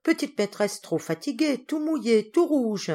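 A woman's voice: a little high, very animated, unhurried, darkish tone, pitched above the performer's own voice. A woman doing a devoted servant man with broken speech. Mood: fussing. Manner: broken, childlike grammar. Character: devoted male servant speaking broken French.

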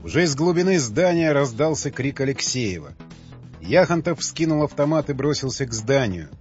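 A man's voice: medium pitch, sing-song, moderate pace, a little mellow, dull audio. Man narrating an audiobook over faint music. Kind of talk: scripted narration.

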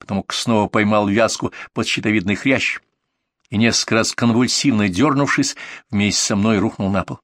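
A man reading a first-person story aloud in steady, vivid audiobook narration. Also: medium pitch, no echo.

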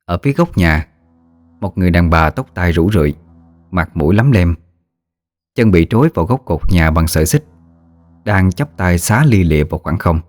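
A man narrating a ghost story in a steady, measured storytelling voice. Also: low voice, dry recording.

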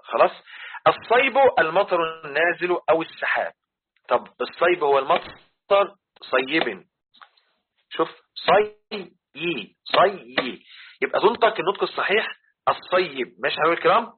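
A man's voice: fairly high pitch, animated, fast, background noise. A man with an Egyptian Arabic accent explaining Quran commentary to a class, repeating his points and often checking that listeners follow. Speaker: religious teacher. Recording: tinny phone-like recording.

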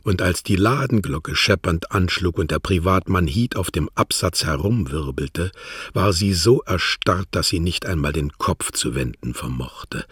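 A man narrating a literary radio reading in a measured, even manner. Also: low voice, husky, dry recording, studio quality.

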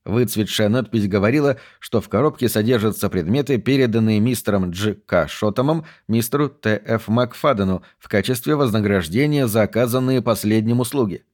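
A man narrating an audiobook in a measured, even reading style. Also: mid-range voice. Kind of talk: scripted narration.

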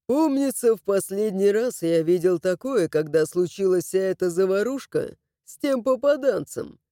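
A woman reading an audiobook, voicing a mocking male dragon who looks like a big crow, in a slightly lowered, drawling voice. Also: lively intonation, moderate pace, warm tone, dry recording, studio quality, close to an everyday voice. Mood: sardonic.

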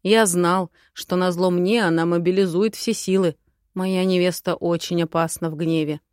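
A woman's voice: lowish voice, fairly even intonation, normal speed, a little mellow, dry recording, natural voice. A commanding dragon prince from a fantasy audiobook, read by a woman, his voice steely and firm. The delivery is close and dry, with no room sound around it. He stays cool and in control. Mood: calm.

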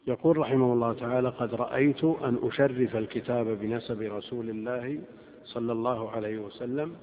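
A man's voice: medium pitch, a little fast. Man lecturing in an echoey hall. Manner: methodical, explaining step by step. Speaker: teacher of hadith. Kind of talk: classroom lecture commentary. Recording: lo-fi phone-like sound in a reverberant hall.

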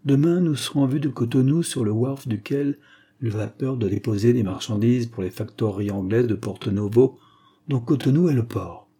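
A man reading an audiobook, voicing a composed, self-assured male explorer who speaks in a measured, formal way. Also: medium pitch, warm tone, breathy edge. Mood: gentle.

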